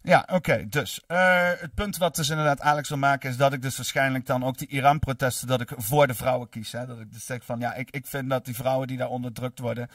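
A man's voice: medium pitch, fairly even intonation, a little fast, few pauses, a bit bright, recorded from a distance. A man hosting a livestream, reading and answering chat in a rambling, cursing way full of fillers. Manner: rambling, profane, many fillers.

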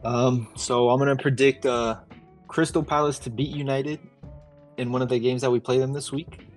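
A man's voice: medium pitch, steady tone, faint music behind. An American man co-hosting a sports podcast, chatting casually with a playful, teasing manner. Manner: playful, teasing, drawn-out predictions. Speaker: podcast co-host. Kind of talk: casual chat.

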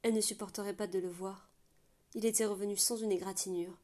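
A woman narrating a novel aloud with a steady, measured reading. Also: medium pitch. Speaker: audiobook narrator. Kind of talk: scripted storybook narration.

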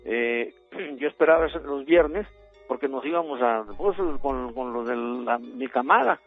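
A man's voice: mid-range voice, a little slow. A middle-aged man with a Mexican accent, calling in to a radio show and telling a ghost story in a rambling, hesitant way. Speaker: radio caller. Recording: tinny phone line with music.

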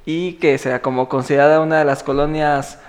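A man in his thirties, from Mexico City and with its accent, hosts a relaxed podcast among friends. His voice sits a little high and he jokes, teases and laughs often. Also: fairly quick. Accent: Mexico City Spanish. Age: 30s. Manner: joking, teasing, laughs often. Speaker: podcast host. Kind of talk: casual podcast chat.

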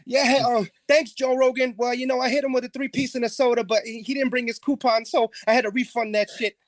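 A man voicing a cocky young male wannabe vigilante who puts on loud, mocking bravado. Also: very high-pitched, steady tone, fast, no echo, voice pushed up.

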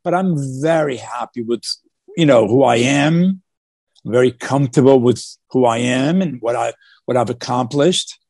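A man's voice: mid-range voice, moderate pace, a little mellow, slightly rough, no room sound, studio quality. A man from Portugal talking about his life as a guest on a video call, earnest, with many fillers and repeated starts. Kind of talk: casual interview talk.

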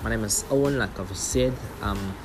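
A young South African man with a South African accent, hosting his own podcast in an earnest, explanatory way with frequent pauses. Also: lowish voice, background noise. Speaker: podcast host. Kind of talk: solo motivational podcast talk.

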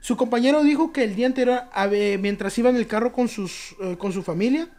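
A Mexican man co-hosts a loose, casual chat, relaxed and joking as he tells a story. His talk is slangy and easygoing. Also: very high voice, fairly quick.

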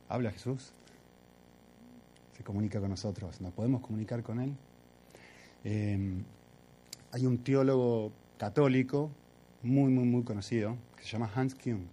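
A man, preaching in a conversational, reflective way with hesitant pauses. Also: fairly low pitch, mellow, slight background noise. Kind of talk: sermon with storytelling.

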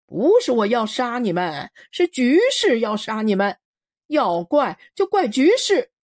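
A woman's voice: medium pitch, very animated, moderate pace. A woman voicing a ruthless male militia commander who talks with cold, sneering contempt, in a storybook reading.

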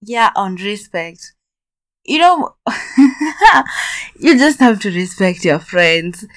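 Animated woman co-hosting a chatty podcast. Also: mid-range voice, extremely slow. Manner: animated, laughs often, restarts sentences. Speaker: podcast co-host. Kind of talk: casual chat.

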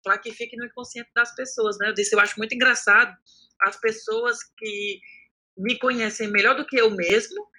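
A man's voice: sits high, fairly even intonation, normal speed, pushed and bright. An adult man from the Cariri region of Brazil with a Northeastern Ceará accent, talking in an outspoken, emphatic podcast chat and acting out quoted dialogue. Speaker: content creator, podcast guest.

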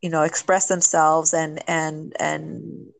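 Woman interviewee, social worker type; earnest and halting, low-pitched, dry sound. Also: flat delivery, gravelly, no echo. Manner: earnest, halting, many restarts. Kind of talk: emotional interview talk.

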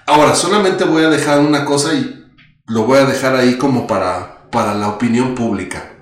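Mexican male co-host, teasing rhetorical style; boomy room sound, mic at a distance. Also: fairly quick. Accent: Mexican Spanish. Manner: provocative, joking, rhetorical questions. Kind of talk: casual chat. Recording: very roomy, far from mic.

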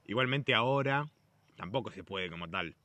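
A man's voice: fairly low pitch, expressive, normal speed, pushed and bright, no echo. Slangy, rambling young Argentine man. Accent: Argentine Spanish. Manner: rambling, slangy and profane, many restarts. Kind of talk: casual chat.

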